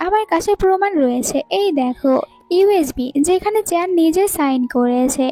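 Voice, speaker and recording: Female recap narrator, Bangladeshi Bengali accent, high and mellow, voices all characters herself. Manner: reads all characters' lines in her own voice. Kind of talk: storytelling narration with quoted dialogue.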